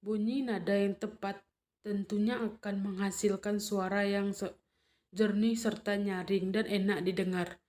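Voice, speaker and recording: A young woman explaining a language lesson in a steady, methodical way, partly reading from notes and sometimes slipping and restarting. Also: mid-range voice, measured pace. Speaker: teacher presenting a lesson.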